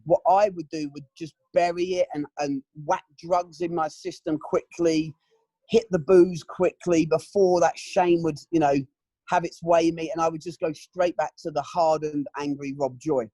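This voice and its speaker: A middle-aged man giving candid, emotional testimony in an interview, often pausing with "um" and "you know". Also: fairly high pitch, flat delivery, mellow, no room sound, low-quality recording. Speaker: interview guest.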